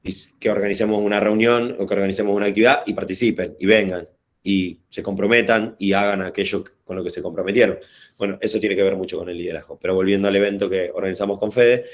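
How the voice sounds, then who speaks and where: Man, Rioplatense accent, lowish voice, relaxed slangy workshop talk, video call. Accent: Rioplatense Spanish. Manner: casual, digressive, slangy, hesitant restarts. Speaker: workshop facilitator. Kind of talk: informal online workshop talk.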